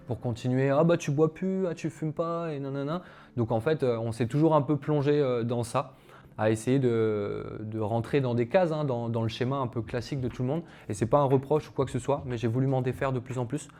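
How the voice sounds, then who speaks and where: Medium in pitch and darkish in tone, the voice belongs to a young calisthenics coach sharing his story on camera. His style is casual and talkative, heavy on fillers, and he often turns to address his viewers.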